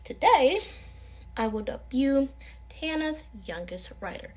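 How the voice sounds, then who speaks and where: A woman's voice: high voice, sing-song, slow pace, a little mellow, voice pushed up, exaggerated voice. A woman voicing a fairy-tale king who speaks in a formal, ceremonial way.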